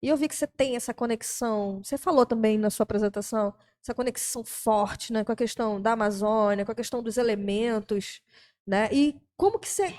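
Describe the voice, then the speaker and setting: A woman's voice: fairly high pitch, brisk, a little mellow. A woman hosting a casual podcast interview, chatty and often checking for agreement. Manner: chatty, seeks agreement with frequent tag questions. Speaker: podcast host.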